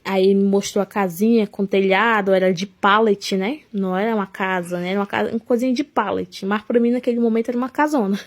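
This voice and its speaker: A young woman telling her own life story, emotional and halting, often restarting her sentences. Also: medium pitch, fairly even intonation. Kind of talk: personal life testimony.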